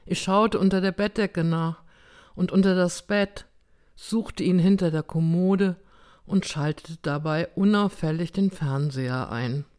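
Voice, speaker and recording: A woman narrating a story in the first person, reading with a measured, even delivery. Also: lowish voice, clear, resonant tone. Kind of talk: audiobook reading.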